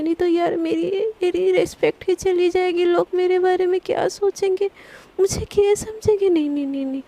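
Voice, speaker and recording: A woman's voice: very high-pitched, warm tone. A woman voicing a panicky young office worker who stammers and repeats her words.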